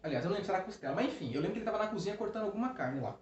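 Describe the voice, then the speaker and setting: A man casually telling a personal story to the camera, animated, with many restarts and "né?" tags. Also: high-pitched, rapid-fire. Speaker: co-host, husband. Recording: roomy, dull lo-fi sound with faint hiss.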